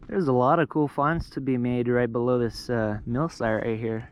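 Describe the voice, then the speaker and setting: A young man narrating to his viewers in a casual, chatty way while out on a remote mountain slope. His voice sits at an ordinary middle pitch, and he walks through each thing he finds with easy explanations. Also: fairly even intonation, normal speed, no echo. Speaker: outdoor explorer and vlogger.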